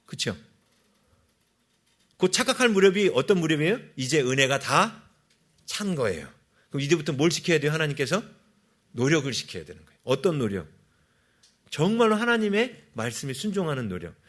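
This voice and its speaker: A man's voice: fairly high pitch, very animated, fairly quick, long pauses, fairly bright tone. A male pastor giving a sermon, asking the congregation questions and answering them himself.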